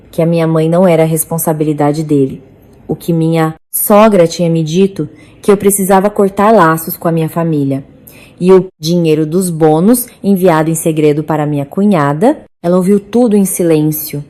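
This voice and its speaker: A woman calmly narrating a dramatic family story in the first person. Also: sits low, moderate pace.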